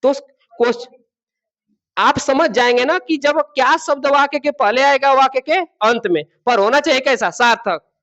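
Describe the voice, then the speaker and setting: A man's voice: very high-pitched, moderate pace, a bit bright. Male teacher, quizzes the class, repeats key words, dull lo-fi sound. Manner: addresses students as babu and beta. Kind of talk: classroom grammar lesson.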